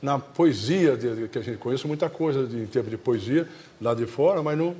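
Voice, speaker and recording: Before a studio audience, a man in his seventies hosts a TV show with a Brazilian Portuguese accent, his dark, mid-range voice moving fairly quickly. A lapel mic catches his casual, folksy chatter, which rambles, repeats, and leans heavily on diminutives.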